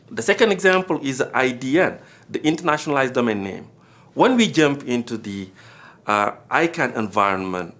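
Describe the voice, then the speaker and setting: Earnest Senegalese man recounting his experience. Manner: earnest, rises in pitch and volume on key points. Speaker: former board director. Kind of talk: recorded personal account.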